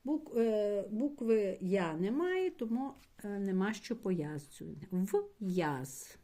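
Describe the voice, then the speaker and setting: A woman teacher giving a patient primary school language lesson, explaining slowly and spelling out words syllable by syllable for her pupils. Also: mid-range voice, animated, warm tone. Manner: slow, patient explaining, addressing pupils directly.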